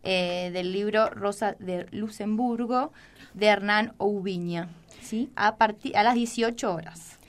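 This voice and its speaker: A woman co-hosting a community radio show, reading out the local events agenda in a friendly, steady way. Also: medium pitch, unhurried. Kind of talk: casual radio chat and announcements.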